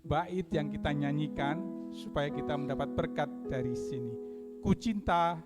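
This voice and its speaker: A man serving as worship leader, praying earnestly in a measured cadence in a church and then introducing a hymn. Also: fairly high pitch. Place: church sanctuary. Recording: long church hall reverb with music. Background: soft instrumental music.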